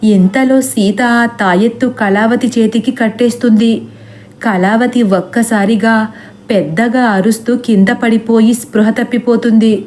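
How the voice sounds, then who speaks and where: A woman narrating a scripted horror story in a steady, dramatic storytelling way. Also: fairly high pitch, a little slow.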